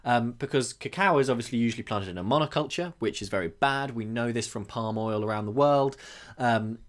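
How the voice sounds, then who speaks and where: A man co-hosting a wildlife podcast, explaining things thoughtfully with frequent pauses and restarts. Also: medium pitch. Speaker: podcast co-host. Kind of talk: conversational podcast discussion.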